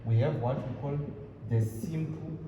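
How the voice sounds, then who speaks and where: A man's voice: mid-range voice, a little slow. A man teaching a programming class, repeating points and asking fill-in questions. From Zimbabwe. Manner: repetitive, asks rhetorical fill-in questions. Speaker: programming lecturer. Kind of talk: classroom lecture. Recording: echoey room, distant mic, noisy.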